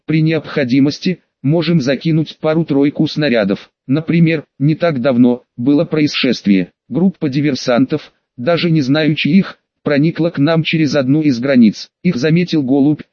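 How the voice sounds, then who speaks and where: A man's voice: on the high side, moderate pace, hardly any pauses, no room sound. A man steadily narrating a first-person fantasy audiobook in a matter-of-fact way, in a dull, slightly lo-fi recording.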